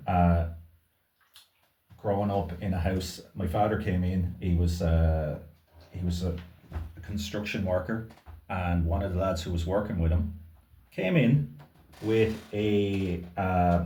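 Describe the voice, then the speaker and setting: A man with an Irish accent, a bookseller co-hosting a casual book chat, talking thoughtfully with pauses and easy laughs. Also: low-pitched, warm tone. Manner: thoughtful, hesitant, laughs easily. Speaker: bookseller, co-host. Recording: roomy sound, distant mic.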